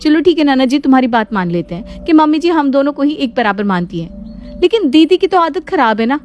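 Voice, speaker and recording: A woman's voice: high voice, steady tone, brisk, slight background noise, lightly acted. A woman voicing a resentful younger daughter-in-law who complains of being treated as second best in a cartoon story. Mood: complaining. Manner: aggrieved and complaining.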